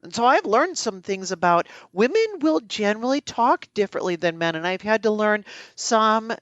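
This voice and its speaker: A woman in the middle of her range talks things through in an earnest, thoughtful way. She draws out her vowels with a gentle sing-song lilt. The recording is dry and a little muffled. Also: medium pitch, sing-song, normal speed, no room sound. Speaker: podcast co-host. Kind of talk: casual conversation.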